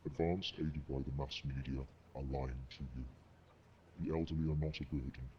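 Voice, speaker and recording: A man's voice: extremely low pitch, fairly even intonation, normal speed, dark tone. An actor playing a menacing, solemn masked resistance spokesman delivering an ominous propaganda broadcast in a video game. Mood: grave defiance. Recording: muffled lo-fi tape with noise.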